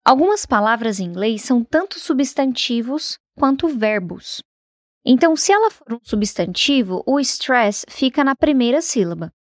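A woman hosting a podcast lesson, explaining clearly and patiently, slowing down to model English words. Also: a little high, lively intonation, no echo, studio quality. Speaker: podcast host and English teacher.

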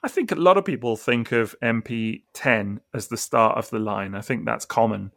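Gravelly man, dry sound. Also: mid-range voice, normal speed, a bit bright, no echo. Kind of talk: casual chat about collectible toys.

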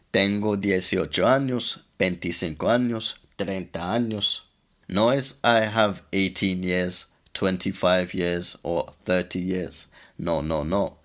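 Male language teacher, very low voice, slow deliberate delivery, patient drilling. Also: a bit bright. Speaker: English teacher. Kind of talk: podcast-style language lesson.

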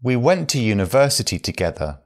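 A man reading phrases for learners, each one slowly and then again at normal speed. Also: mid-range voice, sing-song. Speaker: phrase teacher.

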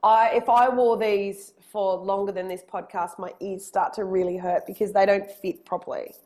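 An Australian woman, a personal trainer, chatting casually on a podcast. Her voice carries strongly, as though projected to the back of a room, and she talks with lively energy. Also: medium pitch. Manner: lively and quick when excited.

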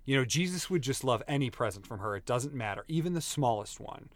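A man in casual conversation, describing a wine and telling a holiday story with easygoing, joking asides. His voice sits at an ordinary middle pitch. The sound is dry and close, with no room echo. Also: a little fast. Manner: relaxed, jokey, rambling with fillers. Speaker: podcast co-host tasting wine. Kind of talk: casual chat.

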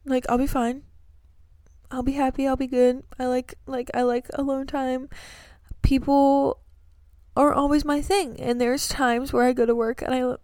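A woman's voice: high voice, level tone, unhurried, a little mellow, clean tone, dry recording, clean studio sound. A young woman chatting to camera about her life, earnest and sleepy, with many fillers. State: sleepy, yawning. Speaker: vlogger giving breakup advice. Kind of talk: casual chat to camera.

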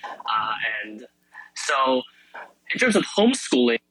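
Bright, husky-voiced young man. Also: mid-range voice, sing-song, slow, rough recording. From Malaysia. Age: young adult. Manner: eager, chatty, many fillers and restarts. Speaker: interview guest, university student. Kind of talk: casual radio interview.

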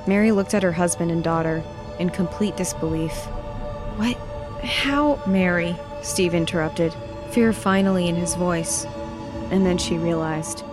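A woman podcast host narrating an original spooky story in a measured, suspenseful way. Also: lowish voice, steady tone. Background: soft music.

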